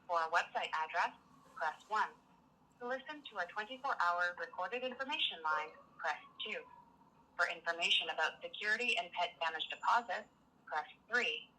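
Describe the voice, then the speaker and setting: A woman reading formal phone menu prompts as a recorded phone message, measured and even. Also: on the low side, a little hiss or hum, low-quality recording. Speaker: automated phone line announcer.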